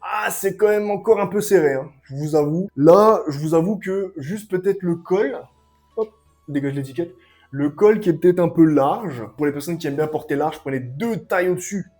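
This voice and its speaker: A young man giving a casual, excitable clothing review at home, full of slang and hype. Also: fairly high pitch, moderate pace, faint music behind. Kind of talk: casual product review vlog. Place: at home, sitting and standing up to show clothes.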